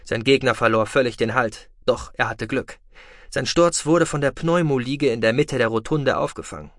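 A man reading science-fiction audiobook narration in a steady, measured way. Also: mid-range voice, no echo, studio quality.

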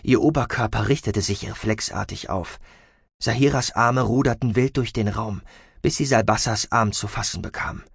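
A man narrating a science fiction audiobook in an expressive storytelling manner. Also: fairly low pitch, moderate pace, vocal fry, slightly rough, dry recording, clean studio sound.

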